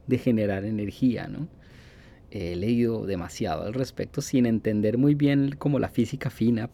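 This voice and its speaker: A man in his forties with a Colombian accent talks through a casual podcast monologue. His voice is dark and gravelly, and he rambles, circling back with fillers and restarts. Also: mid-range voice. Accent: Colombian Spanish. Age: 40s. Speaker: podcast host.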